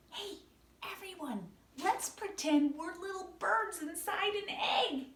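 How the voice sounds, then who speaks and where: Very high-pitched woman, kids show host. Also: slow, a bit bright. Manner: sing-song, exclaiming, gasping, addressing young children. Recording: echoey room, distant mic.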